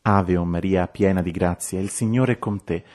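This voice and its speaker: A man with a very low voice recites the rosary in steady, measured turns. His delivery is calm and devotional.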